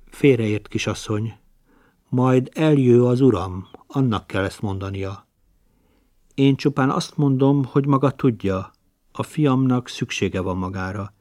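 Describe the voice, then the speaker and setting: A man's voice: mid-range voice, darkish tone, no room sound, studio quality, close to an everyday voice. A man voicing an older aristocratic grandmother who speaks hard and reluctantly, pleading in earnest.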